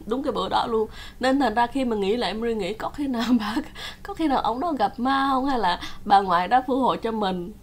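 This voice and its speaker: A woman's voice: fairly high pitch, fairly quick. Chatty woman telling a story. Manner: chatty, laughing often, acts out quotes. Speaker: vlogger. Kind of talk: casual storytelling to viewers. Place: home in Canada.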